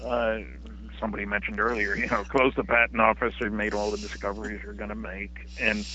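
A man's voice: on the low side, flat delivery, a little fast, bright, forceful tone. A man speaking as a guest expert in a radio interview, musing and discursive. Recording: dull, band-limited radio line.

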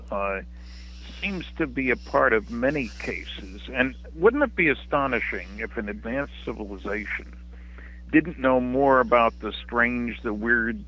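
Bright, forceful male guest on dull line. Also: medium pitch. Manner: musing, discursive, rhetorical. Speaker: guest expert. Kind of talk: informal radio interview. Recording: dull, band-limited radio line.

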